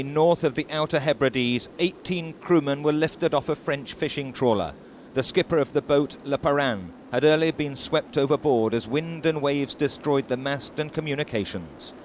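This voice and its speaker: A man narrating a news report in a crisp, clipped reporter's style, heard from a worn VHS tape copy. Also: a little high, a little hiss or hum. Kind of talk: scripted news report voice-over.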